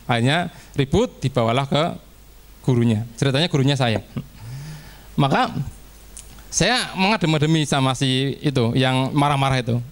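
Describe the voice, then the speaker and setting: A man, a teacher, giving a casual training presentation to fellow teachers, chatty and acting out little classroom dialogues. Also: mid-range voice. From Indonesia.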